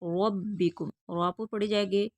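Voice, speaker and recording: Lady tajweed teacher, rattles off rules quick then drags each word out slow, dry close mic. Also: medium pitch, steady tone, no room sound. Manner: explains pronunciation rules in quick bursts between slow, drawn-out recited words. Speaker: Quran recitation teacher. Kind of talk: online tajweed lesson.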